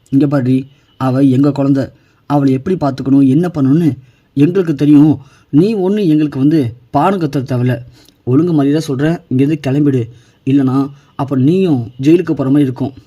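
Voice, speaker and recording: A man's voice: fairly high pitch, dark tone, husky, dull audio. A scornful young woman, as a man narrator reads her lines. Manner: scolding, bossy.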